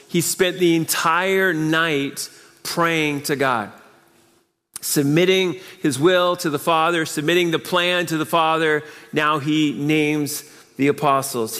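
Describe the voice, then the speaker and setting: A man's voice: fairly high pitch, fairly bright tone, in a large hall. A man preaching a sermon as pastor, speaking emphatically with rhetorical questions and repeated phrases. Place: church.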